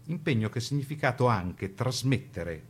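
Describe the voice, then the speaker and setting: Narrating a scripted radio documentary play, a man speaks with emphasis and rhetorical flair, letting pauses carry weight. His medium-pitched voice is expressive with a breathy edge.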